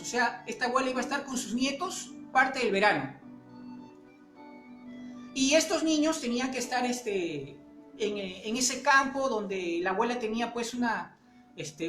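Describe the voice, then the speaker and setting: Brief: conversational woman preacher, a bit high, echoey room with faint music. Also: a bit bright. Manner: conversational, many fillers and pauses. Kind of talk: sermon with storytelling.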